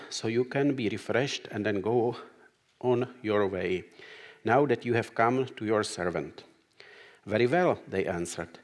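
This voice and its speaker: Czech-accented man preaching, halting delivery. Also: mid-range voice. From Czech Republic. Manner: halting, frequent "uh" fillers and restarts. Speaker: guest preacher. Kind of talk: sermon with Bible reading.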